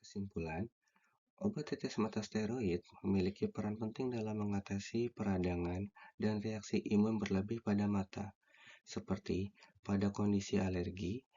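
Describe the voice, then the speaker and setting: A young man reads his class presentation aloud, stepping through each numbered point in a steady, even way. His voice sits very low and sounds mellow and soft-edged, and the recording is dull and lo-fi. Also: moderate pace. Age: young adult. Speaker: student presenter.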